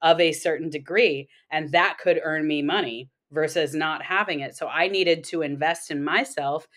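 A woman's voice: low-pitched, normal speed, a bit bright. A woman guest on a podcast, an accountant and financial coach, explaining money matters steadily and building her points in lists. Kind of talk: podcast interview conversation.

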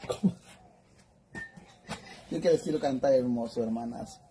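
A man's voice: medium pitch, moderate pace, dark tone, a little hiss or hum, poor audio. A man with a Mexican accent chatting on a phone live stream, campy, brash and foul-mouthed, calling his viewers sisters. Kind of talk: casual live-stream chat.

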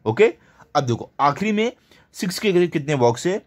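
A man's voice: fairly high pitch, sing-song, moderate pace. A man teaching a children's math lesson, counting items aloud one by one and putting questions to the children, with English number words mixed into his speech.

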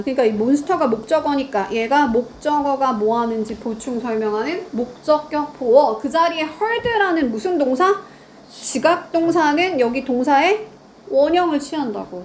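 High-voiced woman quizzing students. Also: darkish tone, a little hiss or hum. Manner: quizzing, answers own questions. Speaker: English grammar teacher. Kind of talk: online lecture to students.

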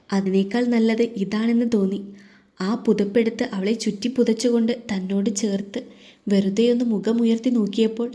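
Woman storyteller, scripted romance narration, mellow and soft, steady intimate reading. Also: medium pitch.

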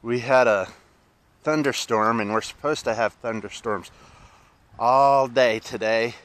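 A middle-aged man, vlogging by a park pond, talking slowly with many pauses and restarts. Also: medium pitch, a bit bright, poor audio. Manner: slow, halting, many "uh"s and restarts. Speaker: fishing vlogger. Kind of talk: casual outdoor vlog. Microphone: camera on a stand, then head-mounted camera. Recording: outdoor noise behind the voice.

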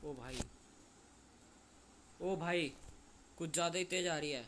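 A young man streaming a game and chatting loudly with friends on a call, joking and complaining as he plays. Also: on the high side, slow pace, a little hiss or hum. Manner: loud, joking banter with friends. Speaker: gaming streamer.

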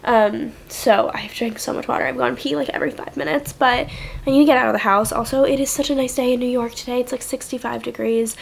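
A woman's voice: fairly high pitch, steady tone, a little fast, creaky, a little hiss or hum. Congested, sick young woman vlogging. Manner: speaks quietly to spare her throat. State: sick, congested and sore-throated. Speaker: lifestyle vlogger. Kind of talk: casual vlog talk to camera. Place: apartment in New York, then out around the city.

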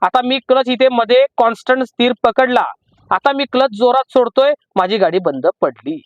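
High-voiced Marathi driving instructor in a car. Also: male voice, no room sound, highs cut off. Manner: repetitive, slow emphatic teaching. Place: inside a parked car. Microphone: camera in the car.

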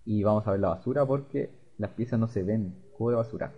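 A man's voice: lowish voice, fast. A man playing a video game, muttering to himself and reading on-screen text aloud. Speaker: gamer. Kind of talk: let's play commentary. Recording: dull lo-fi recording with faint hiss.

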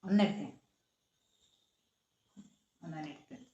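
A woman's voice: fairly low pitch, takes it slowly, mellow, dull audio. A woman hosting a home vlog in casual chat, explaining the game's rules in a chatty way. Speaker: vlog host. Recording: roomy echo.

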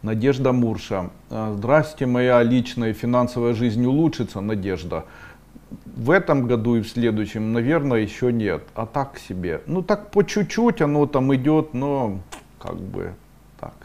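Blunt answers to viewers' questions, read aloud, come from a middle-aged man hosting an esoteric webinar, who sometimes scolds in sharp, rising outbursts. His voice is mid-range and expressive, moving at a moderate pace.

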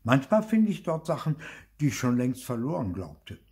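An older man reading a children's story aloud in a slow, lively way, telling it as a boy. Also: medium pitch. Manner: slow, lively, tells it in a boy's voice. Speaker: storybook reader.

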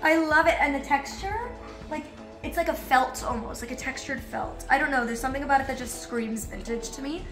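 A bubbly young woman vlogger gives a casual, chatty house tour in a bright home interior, speaking fairly quickly in a high voice that's nasal because she's getting over a cold. She gushes and says "like" a lot. The room is echoey and music plays underneath.

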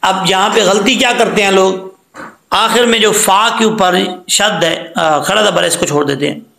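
A man teaching Quran reading, patiently spelling out syllables and slowly chanting the words. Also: sits high, vocal fry, sharp tone, roomy sound.

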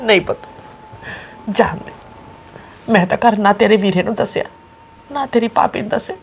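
A woman's voice: medium pitch, normal speed, gravelly, a little hiss or hum, close to an everyday voice. A woman with a Punjabi accent playing a worried mother who pleads earnestly with her married daughter. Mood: pleading. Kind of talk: family drama acting.

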